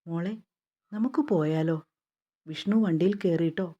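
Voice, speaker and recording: A woman's voice: fairly low pitch, normal speed, warm tone, lo-fi sound, natural voice. A woman reading the lines of a cheerful elder sister-in-law who coaxes and hurries the bride. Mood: coaxing.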